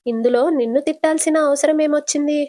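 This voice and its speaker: A woman's voice: sits high, fast, warm tone, pitched above the performer's own voice, lightly acted. A woman voicing a cheerful young female hospital accountant who teases her older sister, in a casual serial retelling. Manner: teasing, affectionate.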